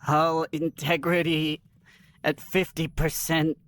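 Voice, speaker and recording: A man's voice: on the high side, flat delivery, slow pace, fairly bright tone, slight background noise, pitched above the performer's own voice. A man as a weary alien science officer.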